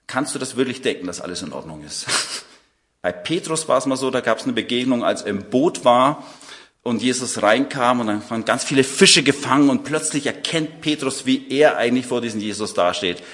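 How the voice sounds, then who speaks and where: A man preaching a sermon with slides. He acts out scripture quotes and swings between soft, low asides and loud, emphatic bursts. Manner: dramatizes scripture quotes by acting them out.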